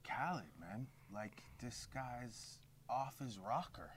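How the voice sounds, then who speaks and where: A man's voice: medium pitch, expressive, takes it slowly, crowd noise, pitched above the performer's own voice. A man doing a whiny, lisping impression of a fed-up male music star. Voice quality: lisp.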